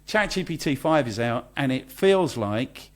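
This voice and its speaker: A man's voice: mid-range voice, expressive, unhurried. A man co-hosting a podcast, ranting in an exasperated, sweary way in casual chat. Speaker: podcast co-host.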